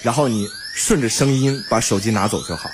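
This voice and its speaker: A man's voice: mid-range voice, a little fast, background noise. A male radio co-host explaining a phone app in casual studio chat, often repeating himself to stress a point.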